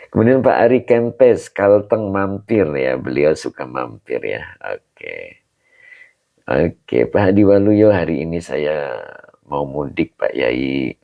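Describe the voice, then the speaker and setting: A man with a hoarse, very deep voice teaching a live online class as an Islamic teacher, explaining patiently and tagging phrases to his listeners. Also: big pitch swings, slow pace, pauses often. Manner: explains patiently, ends phrases with "begitu, Pak". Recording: dull lo-fi livestream audio.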